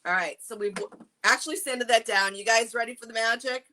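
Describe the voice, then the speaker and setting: Bright, chatty New England woman. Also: fairly high pitch, a little fast, rough recording. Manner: chatty, reads viewer comments aloud. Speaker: furniture painting instructor. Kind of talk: casual live craft demo.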